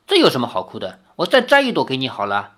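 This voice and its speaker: A woman voicing a bold, cheerful young swordswoman who talks quickly in a lively, teasing way in a storybook reading. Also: extremely low pitch, pitched below the performer's own voice, heavily acted.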